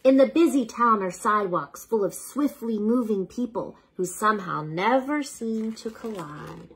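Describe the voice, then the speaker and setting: In a mid-range, slightly husky voice, a woman reads a kids' bedtime story in an unhurried, expressive manner, as if talking to a child. The audio quality is poor.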